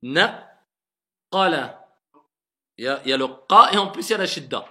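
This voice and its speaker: Male classroom teacher, bright and fairly high voice, patient and encouraging, drags out words to demonstrate. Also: lively intonation. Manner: patient, repeats words slowly and drawn out to model pronunciation; encouraging, mixes French with Arabic words. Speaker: Arabic reading teacher. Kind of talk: classroom lesson, correcting students' reading.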